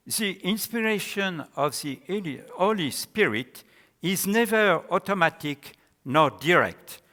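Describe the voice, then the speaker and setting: A man with a French accent speaking as an academic presenter, in deliberate, halting phrases, in a large reverberant hall. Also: high voice, fairly bright tone. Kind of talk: scholarly lecture and question answering. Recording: echoey hall with long reverb.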